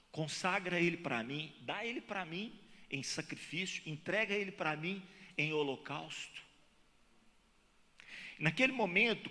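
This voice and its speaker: A man's voice: a little high, bright, forceful tone. A Brazilian man preaching a sermon as pastor, acting out dialogue in different voices. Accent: Brazilian Portuguese. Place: church hall. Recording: long reverb of a church hall.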